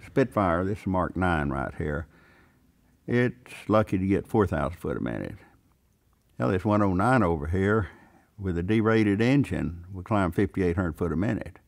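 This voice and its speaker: Very deep-voiced plainspoken older pilot. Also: male voice, lively intonation, moderate pace, vocal fry. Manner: plainspoken, drawling, folksy. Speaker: pilot and aircraft owner. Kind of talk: casual interview.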